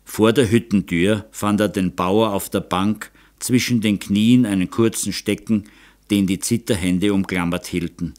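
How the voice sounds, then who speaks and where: Man, audiobook narration, unhurried, lowish voice. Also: steady tone, darkish tone. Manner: measured, dramatic reading. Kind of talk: scripted narration.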